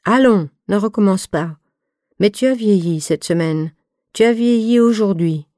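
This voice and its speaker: A woman reading the part of a stern but motherly fifty-two-year-old friend, speaking in an even, soft, deep voice. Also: unhurried, no room sound, clean studio sound, natural voice. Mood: posé. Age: 50s. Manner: voix égale et douce; ton de voix profond. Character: femme de cinquante-deux ans, amie sévère et maternelle. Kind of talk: scripted audiobook reading.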